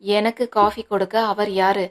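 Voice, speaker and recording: A woman's voice: medium pitch, little pitch movement, normal speed, close to an everyday voice. A woman reading the part of an angry, stubborn young wife in a storybook, speaking sharply and indignantly.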